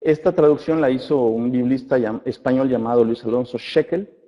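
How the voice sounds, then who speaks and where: Male Bible class teacher, checks in with his listeners, long reverb, dull lo-fi sound. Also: medium pitch. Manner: addresses listeners as brothers, asks checking questions; reads scripture aloud slowly. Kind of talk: church Bible class lecture. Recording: muffled recording in a reverberant hall.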